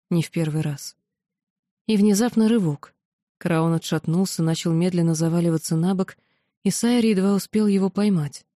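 A woman narrating a first-person audiobook in a steady, measured way. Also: fairly low pitch, dry recording, studio quality.

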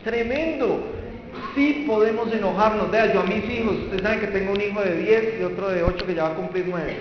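A man preaching a lively sermon, talking straight to the audience and acting out what people say. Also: high-pitched, brisk, crowd noise. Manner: animated, acts out quoted voices, addresses audience directly. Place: large echoing hall or church at a conference. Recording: very echoey hall, dull sound.

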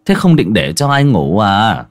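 A man's voice: lowish voice, sing-song, unhurried. A man voicing an annoyed villager woken at dawn, grumbling his questions. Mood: irritated.

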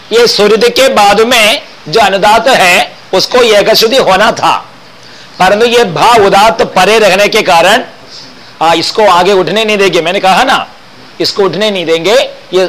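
A man teaching Vedic mantra chanting, intoning each line slowly and then explaining the pitch marks. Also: a bit bright, a little hiss or hum, poor audio.

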